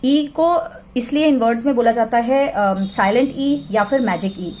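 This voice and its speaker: High-voiced woman teaching phonics. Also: darkish tone, slight background noise. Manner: spells words out letter by letter, then says them slowly; mixes Hindi and English. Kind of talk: phonics lesson.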